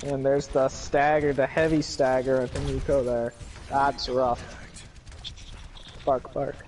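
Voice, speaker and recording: A man giving live play-by-play commentary on an esports match, with excited calls and joking asides. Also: medium pitch, measured pace, slight background noise. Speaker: esports caster.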